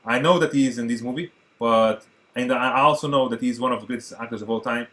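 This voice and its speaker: Movie reaction host, man, native Portuguese speaker, excitable and chatty, middle pitch. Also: fast. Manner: chatty, excitable, addresses viewers as guys. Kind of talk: casual reaction commentary.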